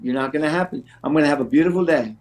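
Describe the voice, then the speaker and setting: As an interview guest, a middle-aged recovery counselor tells personal stories in a chatty, rambling way, frequently saying "you know". He talks very fast, and his pitch is fairly high.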